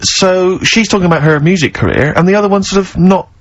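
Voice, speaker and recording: A man co-hosting a comic radio show, reading out news stories in a dry, deliberate, teasing way. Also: sits high, animated. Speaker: radio co-host. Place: radio studio. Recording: slightly muffled radio recording.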